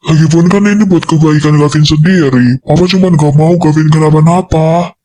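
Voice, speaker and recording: A man's voice: a little high, moderate pace, a little mellow, low-quality recording. A man playing a stern, scolding father in an amateur voice drama dub.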